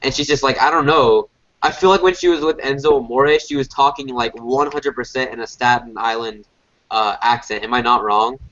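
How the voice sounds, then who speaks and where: A man's voice: mid-range voice, normal speed, a bit bright. Congested man rambling on a lo-fi podcast. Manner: rambling, filler-heavy, frequent restarts. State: congested, a little sick. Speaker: podcast co-host. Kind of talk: casual wrestling review chat. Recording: dull lo-fi podcast audio.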